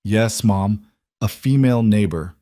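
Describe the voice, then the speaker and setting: A male narrator plays a reserved single father who sounds tired and guarded. The voice stays low and close in a dry recording. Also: measured pace, dark tone, no echo, natural voice.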